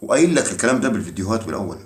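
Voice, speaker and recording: A man's voice: fairly low pitch, sing-song, very fast. A man with an Egyptian accent giving a heated, teasing football rant, mocking and repeating himself for emphasis. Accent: Egyptian Arabic. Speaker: football commentary vlogger. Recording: echoey room.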